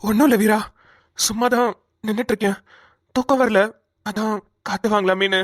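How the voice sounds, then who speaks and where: A woman's voice: mid-range voice, fairly even intonation, normal speed, dry recording, clean studio sound, close to an everyday voice. A woman voicing a weary, worried grown man with an injured leg in a cartoon, speaking in a subdued way. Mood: troubled. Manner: subdued, weary, heavy-hearted. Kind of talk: cartoon voice acting.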